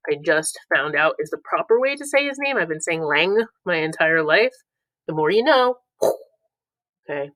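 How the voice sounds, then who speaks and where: A woman's voice: on the low side, fairly bright tone, no room sound, rough recording. A woman teaching a review lesson, playful, breaking into silly voices for the clues between explanations. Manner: playful, reads clue lines in put-on voices.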